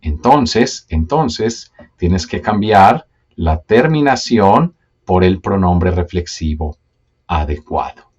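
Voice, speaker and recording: Deep slow-talking male language teacher. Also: animated, a little mellow, husky, muffled recording. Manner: patient, repeats key words, checks in with the learner. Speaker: Spanish teacher. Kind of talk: slow step-by-step grammar lesson.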